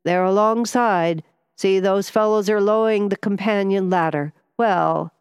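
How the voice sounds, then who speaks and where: A woman voicing an excitable middle-aged gentleman who calls out eagerly to his companions. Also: on the low side, moderate pace, clear, resonant tone, dry recording, clean studio sound, in a large hall, lightly acted.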